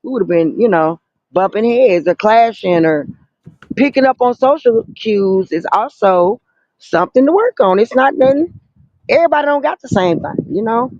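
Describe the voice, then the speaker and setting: In a casual group voice chat over a muffled, band-limited call, a Southern woman in her forties teases, swears and uses slang in her drawl. Her voice is a little high and slightly mellow, expressive at a moderate pace, with no echo.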